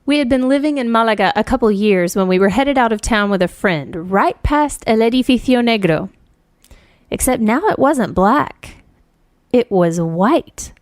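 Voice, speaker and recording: A woman from the United States reads her own personal essay in a measured, wry way. Her voice sits a little high, and the recording is dry and close. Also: animated, no room sound. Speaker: writer reading her story.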